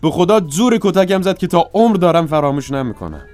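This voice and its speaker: A man's voice: a little high, lively intonation, darkish tone, soft background music, natural voice. An actor playing a hapless, bandaged wounded soldier who moans and complains as he tells his misfortunes. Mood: aggrieved. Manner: moaning, complaining comic storytelling.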